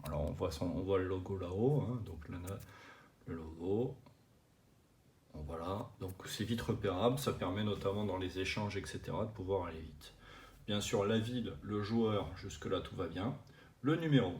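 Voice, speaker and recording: Low-voiced man explaining his cards. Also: normal speed, a little mellow, slight background noise. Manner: chatty, many fillers and restarts. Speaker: card collecting channel host. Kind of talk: casual explainer showing cards to camera.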